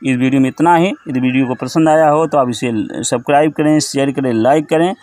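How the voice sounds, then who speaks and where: A man teaching a grammar quiz lesson, reading each question and its options, then repeating the answer and the rule in a slow, methodical way. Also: medium pitch, fairly even intonation, darkish tone, dry recording, clean studio sound.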